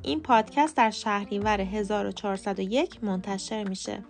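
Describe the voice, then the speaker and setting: A woman hosting a short podcast lesson, speaking Persian natively and spelling out English words letter by letter with slow, careful pronunciation. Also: mid-range voice, vocal fry, music in the background. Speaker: podcast host and English teacher.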